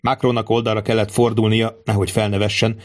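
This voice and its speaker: A man narrating a historical adventure novel in a steady audiobook reading. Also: fairly low pitch. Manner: steady, even storytelling.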